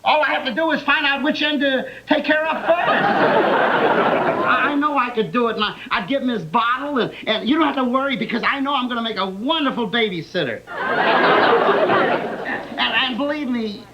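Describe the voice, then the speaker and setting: An actor playing a naive, nervous young man who stammers and rushes, eager to prove he can babysit. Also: very high-pitched, over a noisy crowd. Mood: eager, flustered. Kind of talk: 1960s sitcom acting. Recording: dull old TV audio with hiss and studio audience.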